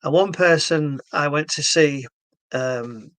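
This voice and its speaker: In fairly high, slightly bright tones, a Yorkshireman takes his time explaining his stroke therapy approach straight to camera. The talk is casual but earnest, peppered with fillers and false starts, and the recording has no room sound.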